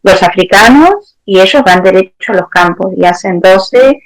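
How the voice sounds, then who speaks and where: A woman therapist answering interview questions in a reflective, searching way, with pauses. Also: mid-range voice, expressive, rough recording. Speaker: therapist guest.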